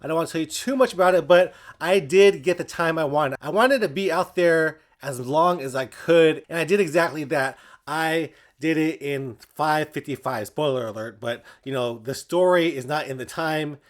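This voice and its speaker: A man's voice: on the high side, moderate pace, hardly any pauses. A man chatting casually to his viewers as a running vlogger. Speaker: running vlogger and channel host.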